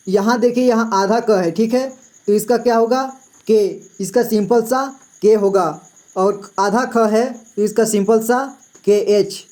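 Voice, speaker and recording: Slow, patient male teacher. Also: high-pitched, a little mellow. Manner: patient, repeats "theek hai" often. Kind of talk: slow classroom explanation.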